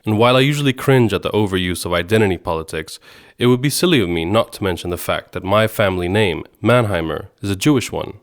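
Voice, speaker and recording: A low-voiced podcast host from Sweden, raised in Egypt and Jordan, reads scripted narration. He sounds measured and articulate, much like a radio journalist introducing his program.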